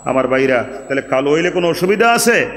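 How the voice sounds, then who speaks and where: A man from Bangladesh preaching an Islamic sermon to a gathering, rhythmic and sing-song, swinging between high ringing calls and low asides and joking with the crowd. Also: animated, fast, roomy sound, in a large hall. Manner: chants Arabic quotes in a sing-song. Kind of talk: sermon at an open religious gathering.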